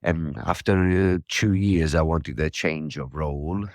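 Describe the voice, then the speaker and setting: A man's voice: very deep voice, a little slow, a little mellow, no echo, studio quality. A man from southern Italy with an Italian accent, a wine professional answering interview questions in a friendly way and laughing often. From Puglia, Italy. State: morning voice. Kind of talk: casual interview over a phone call.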